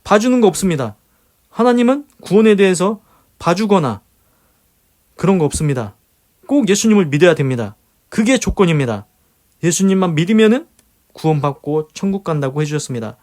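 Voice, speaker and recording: A man's voice: high-pitched, sing-song, a little fast, long pauses, darkish tone. A man giving a devotional Bible commentary, earnest and emphatic, moving between teaching and spoken prayer and repeating his key phrases. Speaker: preacher leading a daily devotional.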